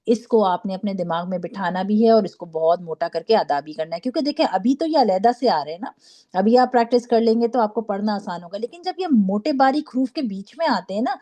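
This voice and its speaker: A woman teaching a Quran recitation class, patiently drilling syllables slowly and checking in with her students. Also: mid-range voice, lively intonation, mellow. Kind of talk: online class lesson.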